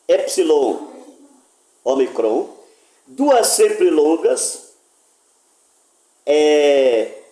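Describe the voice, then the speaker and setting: A man lectures like a teacher, insistent and indignant. His voice sits high yet dark and mellow in tone. The sound carries a roomy echo from a home living room. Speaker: Greek teacher. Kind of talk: live online lecture.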